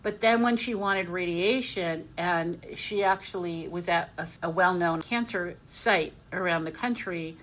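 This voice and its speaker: A woman's voice: on the low side, rough recording. A woman talking in an explanatory way, recounting a case.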